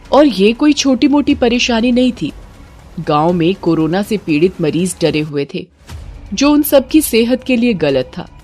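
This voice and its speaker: Over a background music bed, a female narrator reads a scripted horror tale in a dramatic storytelling way. Her voice is mid-range with a darkish tone.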